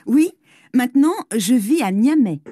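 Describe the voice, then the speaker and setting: A woman playing a cheerful young speaker in a scripted language-course dialogue, clearly articulated. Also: on the high side, no echo, studio quality. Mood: friendly. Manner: slow, lively, clearly articulated.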